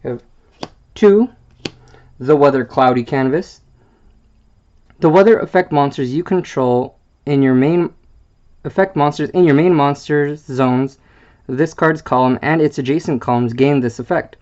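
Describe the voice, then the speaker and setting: A man presenting a card game deck, reading the card text aloud in a halting way, stumbling over wordings and filling gaps with "uh". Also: fairly high pitch, darkish tone, lo-fi sound.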